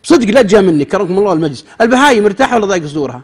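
A man giving a humorous, animated sermon, acting out little scenes and swinging between loud and soft. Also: sits high, rapid-fire, slightly rough. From Saudi Arabia. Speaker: preacher.

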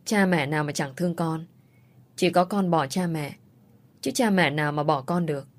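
A woman's voice: deep voice, moderate pace, close to an everyday voice. A woman voicing a worried, tender middle-aged mother who soothes her daughter over the phone. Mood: gentle worried. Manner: soothing, coaxing.

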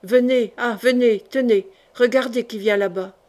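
Brief: woman reading a secretive male jailer, low urgent murmurs, slightly high voice. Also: fairly even intonation, normal speed, darkish tone, lightly acted.

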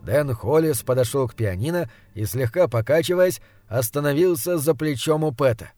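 A man reading a story aloud in a measured, even storytelling manner. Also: mid-range voice, no room sound. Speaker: audiobook narrator. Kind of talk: scripted narration.

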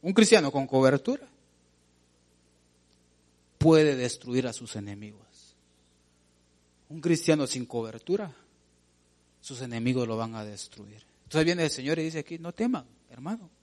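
A man preaching a sermon, asking rhetorical questions and calling out to his listeners as "brother", building to loud emphatic appeals. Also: mid-range voice, expressive, a little slow, long pauses. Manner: preaching, calls out "hermano" and builds to shouts. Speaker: pastor.

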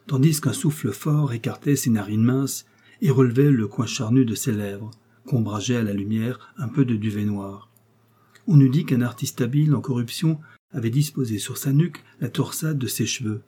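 A man reading a classic novel aloud in measured, expressive narration. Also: mid-range voice, slightly rough. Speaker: audiobook reader. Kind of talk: scripted literary narration.

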